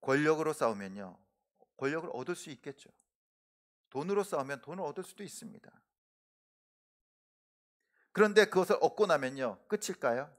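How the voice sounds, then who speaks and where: Expressive Korean man preaching earnestly. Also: a little high, moderate pace, pauses often. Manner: earnest preaching with rising emphasis and soft trailing endings. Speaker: pastor. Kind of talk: sermon. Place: church sanctuary.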